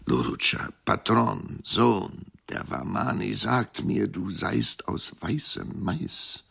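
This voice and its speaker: A man voicing a gravelly, fervent dying dancer. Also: on the low side, big pitch swings, takes it slowly, a bit bright, voice pushed up, heavily acted. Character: aging Andean scissors dancer, fervent, dying.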